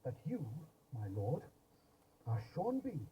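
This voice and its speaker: A man's voice: mid-range voice, huge pitch swings, slow, very noisy. A man playing an earnest, pedantic Tudor detective who speaks in a declamatory way. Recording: distant, dull sound.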